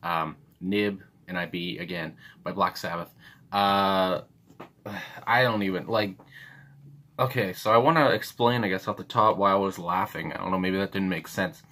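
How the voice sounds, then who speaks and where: A man's voice: sits low, fairly even intonation, moderate pace, bright, forceful tone. A young man hosting a music reaction, talking in a hesitant, rambling way with many fillers and restarts. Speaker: music reaction channel host. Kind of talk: casual unscripted commentary.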